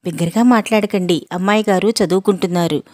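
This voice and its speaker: A woman voicing an anxious male house servant who talks in a hushed, fretful way. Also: medium pitch, fast talker, dry recording, natural voice.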